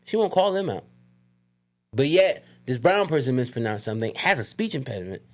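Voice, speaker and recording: Male podcast co-host, slight lisp, emphatic and profane, mid-pitched voice, casual heated chat. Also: big pitch swings, fairly quick. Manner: emphatic, fired-up, profane, ranting.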